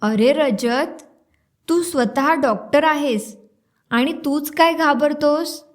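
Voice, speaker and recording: Motherly elder lady, narrator doing her, soothing, slow, highish. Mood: calming. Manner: calming, motherly. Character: older aunt-like elder woman, caring and calming.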